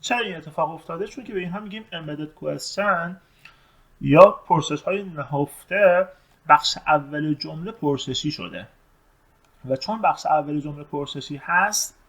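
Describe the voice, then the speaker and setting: A man, speaking in a somewhat high voice, teaches an English lesson. He reads each test sentence slowly, then translates it and explains the grammar point. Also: a bit bright, rough recording.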